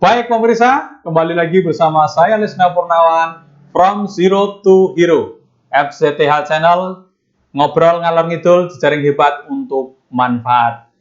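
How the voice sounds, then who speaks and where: A man's voice: fairly high pitch, a little slow. A man hosting a podcast, greeting viewers formally and asking polite questions. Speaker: podcast host. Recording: dull lo-fi audio.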